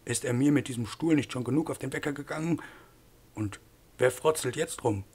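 A man's voice: medium pitch, brisk, a little mellow, slightly rough. A man voicing a crude, insolent young male assistant doctor in an audiobook, talking rudely and picking fights. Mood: panicked. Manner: rude and quarrelsome. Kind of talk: audiobook character voice.

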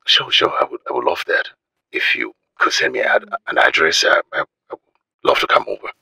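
A man's voice: a bass voice, sing-song, fairly quick, vocal fry, sharp tone, slightly rough, no echo, full character voice, low-quality recording. An actor playing a concerned man who stammers earnestly while asking to visit. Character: concerned man calling about the patient. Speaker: worried caller. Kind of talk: film drama acting.

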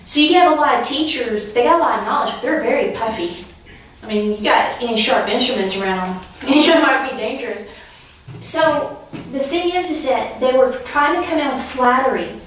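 This Bible teacher runs a preaching class in a storytelling, conversational manner, laughing at times through her anecdotes. Her voice is high and moderately paced, heard distantly in an echoey room with a little hiss or hum.

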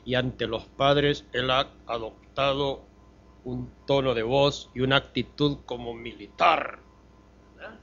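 A pastor preaching a sermon, asking the congregation rhetorical questions and swinging between loud emphasis and soft, low drops. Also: male voice, fairly even intonation, slow pace, muffled recording. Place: church.

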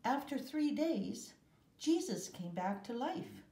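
A woman with a mellow voice reads a children's religious picture book aloud, very slowly and deliberately, pausing between phrases. Her voice is on the high side with big pitch swings. The sound is roomy and echoing, with a little hiss or hum.

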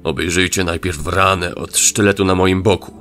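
Fierce barbarian warrior king for a fantasy audio drama, deep and growling; male narrator voicing. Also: steady tone, moderate pace, a bit bright, faint music behind. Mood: wounded. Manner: growling, booming.

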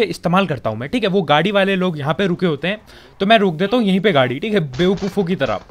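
A young man with a Hindi accent giving casual, joking commentary over his own game footage. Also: high voice. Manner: chatty, joking, colloquial filler-heavy. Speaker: gaming commentator.

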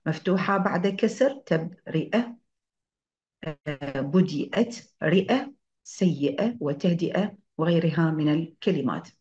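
Woman lecturer, very low voice, muffled lo-fi audio, explanatory, lists example words, hesitant fillers. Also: a little mellow. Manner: slow, explanatory, reads example words one by one; frequent hesitation sounds and self-corrections. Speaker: university lecturer. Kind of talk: online grammar lecture.

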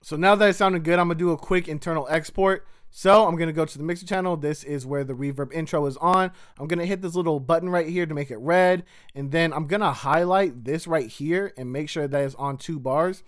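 A man, a music producer, casually walking through his mixing steps in a slangy, laid-back tutorial voice. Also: on the high side.

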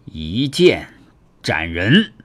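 A man voicing a calm, self-assured young male cultivator who makes cold, matter-of-fact threats in a storybook reading. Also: on the low side, unhurried, exaggerated voice.

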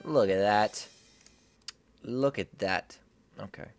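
A man's voice: fairly low pitch, slow pace, faint music behind. A young man giving casual gameplay commentary, repeating short phrases to himself. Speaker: gaming video host.

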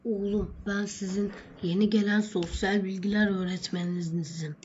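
A woman's voice: mid-range voice, steady tone, normal speed, a little mellow, dull audio, slight background noise, close to an everyday voice. A woman voicing a stern, bossy male schoolteacher who quizzes and scolds a pupil in a homemade skit. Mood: scolding. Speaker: social studies teacher character.

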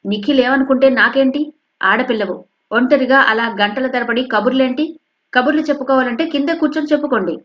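A worried, strict middle-aged mother scolds in a sharp, raised voice, as a woman storyteller puts her on. Her tone is high and the recording sounds dull and lo-fi. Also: brisk, lightly acted. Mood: scolding.

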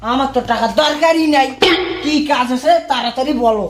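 A man's voice: very high voice, fairly quick, background noise. A man playing a drunk, blustering, contrary son in a comedy skit. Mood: defensive. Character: drunk, contrary son who loves free liquor. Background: loud music.

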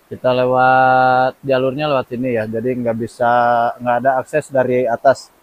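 A man's voice: mid-range voice, monotone, normal speed. A young man casually narrating an outdoor vlog to his viewers, recorded on a handheld camera. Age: young adult. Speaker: vlogger. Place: outdoors on a forested mountain trail and rocky stream. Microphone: handheld camera at arm's length.

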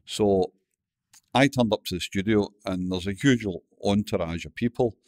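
Speaking at a moderate pace in a lowish, slightly mellow voice, this mumbling older storyteller from Glasgow, Scotland, is a guest in a casual interview. He swears freely and spins anecdotes, captured in a dry, clean studio recording.

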